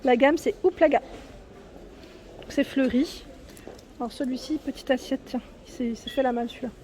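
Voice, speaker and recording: A woman with a high, bright-toned voice films a casual shopping vlog as she walks through a large store. She talks straight to her viewers in a chatty, friendly way and keeps tagging "hein" onto her sentences. The sound comes from a handheld phone. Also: steady tone, normal speed, slight background noise. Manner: chatty, adds "hein" often, addresses viewers directly. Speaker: vlogger showing store products. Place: inside a large furniture store, filming while walking.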